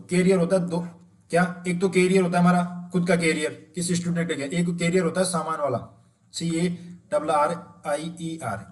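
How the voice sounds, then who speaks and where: A man's voice: on the high side, roomy sound. A man teaching an exam-prep spelling lesson. He spells each word out letter by letter, keeps asking rhetorical questions and checks with his listeners that they follow. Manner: calls the audience friends, keeps checking understanding.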